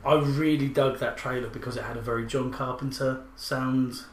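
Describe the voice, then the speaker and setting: Rambling podcast host. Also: male voice, mid-range voice, steady tone, normal speed. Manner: chatty, rambling, swears freely. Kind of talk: casual chat about films. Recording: roomy echo, faint background hiss.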